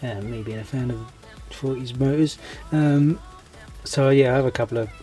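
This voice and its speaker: A man with a stuffy nose and a voice that is giving out chats casually to his viewers. He hesitates a lot, often restarting his sentences, and stays friendly and easygoing throughout. Clear background music plays under his voice. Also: mid-range voice, normal speed, dark tone. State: congested with a cold, losing his voice. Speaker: scale model hobby channel host. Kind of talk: casual rambling vlog update.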